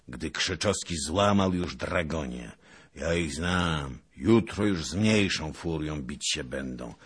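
A man voicing a wrathful, cunning Cossack commander in an audiobook reading, speaking loud and forceful. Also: sits low, breathy edge, exaggerated voice.

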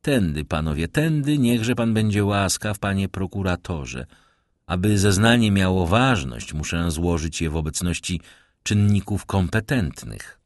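A man voicing a mysterious nobleman who speaks in a measured, theatrical way. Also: deep voice, animated, no room sound, clean studio sound. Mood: ominous. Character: suave, mysterious middle-aged count, theatrical storyteller.

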